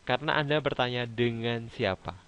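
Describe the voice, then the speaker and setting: A man's voice: medium pitch, fairly quick, a bit bright, smooth, rough recording. A man teaching an English grammar lesson to students over a video call, explaining patiently step by step and checking that they follow. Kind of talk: online class teaching.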